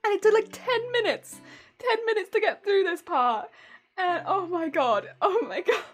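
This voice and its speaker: A woman's voice: very high voice, expressive, moderate pace, faint music behind. A young woman with a Hampshire English accent chatting casually on a stream, telling a story and often breaking into laughter. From England. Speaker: cosplay streamer.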